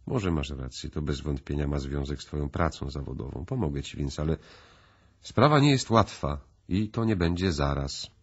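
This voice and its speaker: A man reading an icily calm host. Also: extremely low pitch, breathy edge, lo-fi sound, heavily acted. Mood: coolly calm. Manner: measured, icy calm. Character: cool composed male host, calmly probing.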